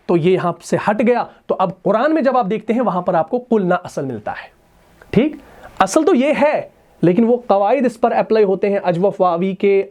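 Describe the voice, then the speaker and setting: Male Arabic grammar teacher, patient and conversational, chants verb forms slowly. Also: high-pitched, a little mellow. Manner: patient, addresses students as brother, personifies letters; slow recitation of verses and verb forms. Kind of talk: explaining grammar lesson at a board.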